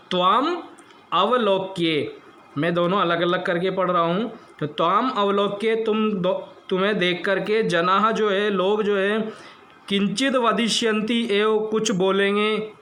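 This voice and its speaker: A man's voice: sits high, pushed and bright. A man teaching a lesson, reading a text line by line and translating each word, with questions to the class about grammar.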